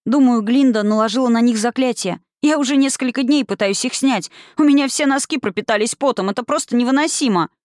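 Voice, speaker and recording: A woman's voice: fairly high pitch, fairly quick, few pauses, a little mellow, no room sound, clean studio sound, voice pushed up, close to an everyday voice. A woman reading an audiobook, voicing a frightened little girl who pleads and stammers. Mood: frightened, pleading.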